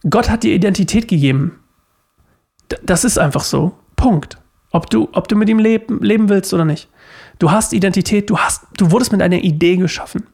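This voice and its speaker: A man's voice: high-pitched, brisk, creaky, a little mellow, breathy edge. A man, a podcast host and worship leader, gives an earnest devotional talk on faith in a living room. He repeats key phrases for emphasis and often restarts his sentences.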